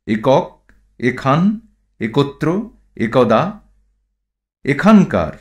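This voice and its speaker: Slow, measured male pronunciation teacher. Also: mid-range voice, lively intonation, darkish tone. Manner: measured, reads rules and word lists one item at a time. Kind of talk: slow instructional recitation.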